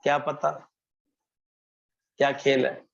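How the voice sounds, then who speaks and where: A man's voice: medium pitch, completely flat delivery, slow pace, creaky. Man giving a satsang talk, storytelling style, kinda dull lo-fi sound. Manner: storytelling, acts out characters' lines, repeats phrases. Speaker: satsang preacher. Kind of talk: devotional sermon with parable. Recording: muffled lo-fi recording.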